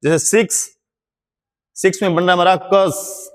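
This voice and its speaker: A man teaching English pronunciation in a slow, classroom-style explanation, spelling words out letter by letter and repeating examples. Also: sits high, steady tone.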